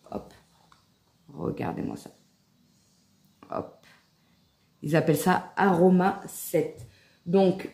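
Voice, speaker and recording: Chatty mum, mellow echoey voice. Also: female voice, deep voice. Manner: chatty, enthusiastic, many fillers and "hop". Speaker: home vlogger showing a shopping haul. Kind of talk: casual haul vlog to viewers. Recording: echoey room with faint background noise.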